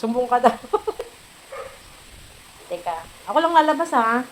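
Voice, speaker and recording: A woman's voice: on the high side, very animated, unhurried, slight background noise, poor audio. A woman from the Philippines, feverish and unwell, vlogging at home and coaxing her cat in playful baby-talk with frequent giggles. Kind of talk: casual home vlog talk. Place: at home indoors.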